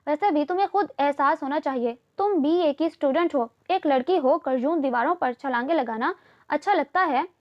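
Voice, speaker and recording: A calm, middle-aged mother read by a female narrator gently reasoning with her daughter in an audio novel. The voice sits high. The recording is a little dull. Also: normal speed, natural voice.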